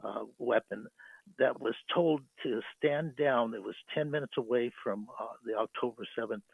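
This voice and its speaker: Gravelly man calling in by phone. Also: medium pitch, no room sound. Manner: halting, many fillers and restarts. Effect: phone-line caller on a radio show. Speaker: caller. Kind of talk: rambling call-in commentary. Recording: tinny phone line.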